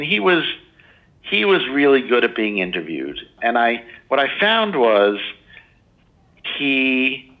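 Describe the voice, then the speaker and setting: A man's voice: mid-range voice, pushed and bright, low-quality recording. A man in his sixties, a biographer answering interview questions in a loose, rambling way full of "you know" and restarts. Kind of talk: casual interview talk.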